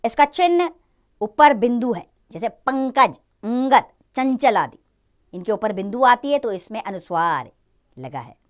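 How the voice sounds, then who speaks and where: Lively woman teaching grammar to kids. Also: fairly high pitch, measured pace. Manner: explains step by step, asking and answering her own questions. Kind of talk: grammar lesson for children.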